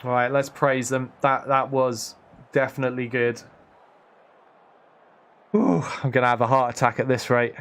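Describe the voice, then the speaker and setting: A man commentating live on his football management game, excitable and self-mocking with sarcastic asides. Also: mid-range voice, normal speed, long pauses.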